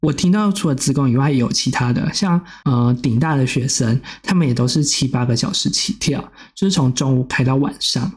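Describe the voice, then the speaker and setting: Fast podcast host, animated anecdotes, mid pitch. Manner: animated storyteller who acts out quotes. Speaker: podcast co-host, graduate student. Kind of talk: casual podcast chat.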